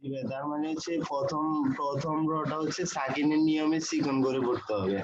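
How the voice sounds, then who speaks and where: A man's voice: on the high side, a little fast. A man with a Bangladeshi Bengali accent asking his teacher questions in an online class, politely calling him brother. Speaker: student. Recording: dull call audio with faint noise.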